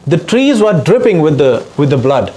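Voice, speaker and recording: Impassioned Pakistani man, slightly high voice. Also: very animated, moderate pace, warm tone. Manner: earnest, impassioned, repetitive emphasis. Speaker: activist guest speaker. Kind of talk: emotional personal testimony.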